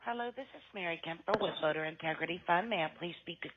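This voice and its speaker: A woman's voice: fairly low pitch, fast talker, a crowd in the background. Woman on a phone call via laptop speaker. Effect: recorded phone call played through a laptop speaker. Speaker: phone canvasser. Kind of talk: scripted survey phone call.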